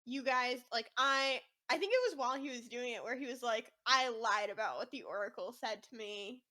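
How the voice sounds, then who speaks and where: A woman's voice: a little high, moderate pace, bright, forceful tone. A woman co-hosting a book podcast, talking casually and emphatically with many fillers. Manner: chatty, emphatic, filler-heavy. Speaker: podcast co-host. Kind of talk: casual book discussion chat.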